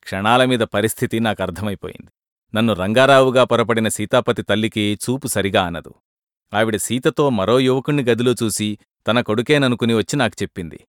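A man reading a short story aloud as narrator, in a steady, measured storytelling manner. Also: lowish voice, no room sound, clean studio sound.

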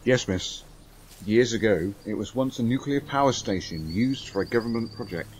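A man's voice: lowish voice, moderate pace, breathy edge. A man playing a loyal, blunt, down-to-earth army sergeant in an audio drama. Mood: sombre. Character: loyal British army sergeant, plain-spoken, uneasy.

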